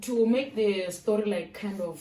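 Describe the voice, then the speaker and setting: A woman's voice: medium pitch, unhurried, a crowd in the background. A woman co-hosting a vlog, chatting casually with viewers and repeating herself for emphasis. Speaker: vlog co-host. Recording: echoey room, distant mic, faint noise.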